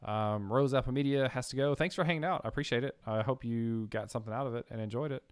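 A young man hosting a coding live stream, thinking aloud with fillers and getting excited. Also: medium pitch, fast, clear, resonant tone, no echo, studio quality. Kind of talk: casual live-coding chat.

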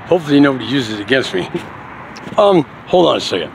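A man's voice: medium pitch, big pitch swings, fast talker, creaky, a little hiss or hum. A middle-aged man venting in a rambling, profane monologue to camera, swearing constantly and laughing now and then. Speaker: vlogger.

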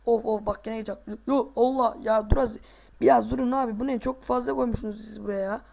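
A male gaming host giving casual let's play commentary, excitable, groaning and boasting to himself as he plays. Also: extremely high pitch, quick pace, gravelly.

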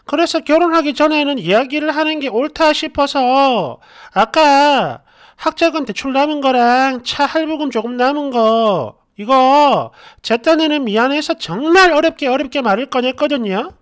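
A woman hosts a storytelling channel, reading online posts aloud with a chatty, conversational flow. Her voice sits high, and she drops sarcastic asides between the lines she reads. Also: lively intonation, moderate pace. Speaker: channel host.

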